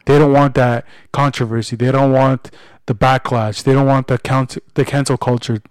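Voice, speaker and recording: A man's voice: medium pitch, level tone, normal speed, a little mellow, no room sound. A man speaking bluntly and earnestly in a casual religious discussion, in colloquial language. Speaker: podcast co-host.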